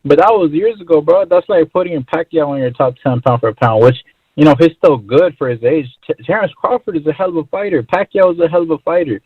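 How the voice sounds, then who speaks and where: A man's voice: fairly high pitch, fairly quick, husky, dry recording. Man on a choppy, tinny phone line. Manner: loose and rambling, says bro often. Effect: phone line with choppy, bad connection. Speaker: caller. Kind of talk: casual call-in chat.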